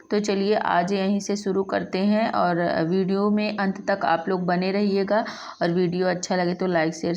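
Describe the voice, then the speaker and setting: A woman gives a lesson at an unhurried pace, sounding out each letter in turn and going back over it. Her voice sits at a middle pitch. The recording is a little dull and lo-fi. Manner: slow, repeats and spells out sounds one by one. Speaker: Sanskrit teacher. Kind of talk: classroom lesson.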